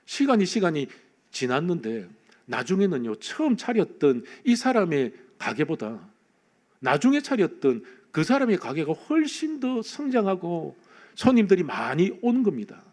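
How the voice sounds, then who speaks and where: A man's voice: sits high, big pitch swings, normal speed, darkish tone. A man pastor preaching a Sunday sermon in church, speaking emphatically and addressing the congregation directly. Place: church sanctuary.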